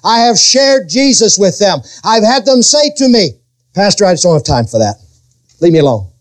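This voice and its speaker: At a normal pace but with big pitch swings, a middle-aged man delivers a sermon as a pastor. He lets his voice rise and fall abruptly, lingers on key words, and performs quoted voices.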